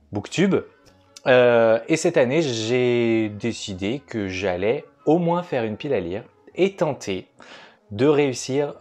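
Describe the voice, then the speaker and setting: A man's voice: on the low side, a little mellow. A young man chatting casually in a book vlog, self-mocking and hesitant, recorded indoors at home at night. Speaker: booktuber.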